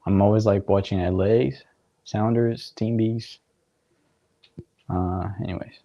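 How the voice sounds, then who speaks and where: A young livestream host talks slowly over a soccer match in a voice on the low side, captured on a muffled recording. His casual live commentary rambles, heavy on fillers, and he laughs a lot.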